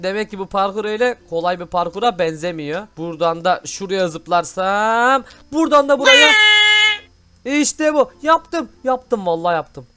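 A man hosting excited gameplay commentary, full of loud exclamations. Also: high-pitched, clear, resonant tone. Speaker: gaming host.

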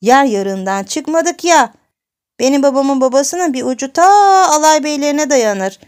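A woman voicing a hard-of-hearing eighty-year-old great-grandmother who scolds and grumbles in a high, strained voice. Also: animated, measured pace. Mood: angry scolding.

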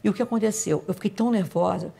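A woman guest in an interview telling personal stories, emotional and halting, often repeating phrases. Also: medium pitch, gravelly, dark tone, breathy edge.

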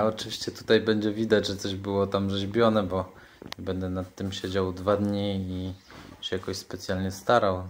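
A middle-aged man casually explaining his car repair work in a home garage, matter-of-fact and relaxed. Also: low voice. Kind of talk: casual workshop vlog narration.

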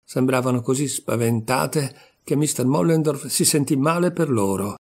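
A man narrating a literary short story in a measured, calm storytelling manner. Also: medium pitch. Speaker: narrator and reader.

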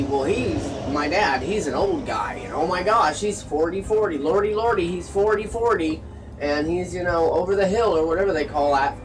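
A man's voice: a little high, far from the mic, rough recording. A man in his late thirties, talking casually to his viewers in a rambling, musing way from a small gas station kiosk, filmed on a handheld phone. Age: 30s. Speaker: vlogger. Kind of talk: casual solo vlog to camera. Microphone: phone held close at arm's length.

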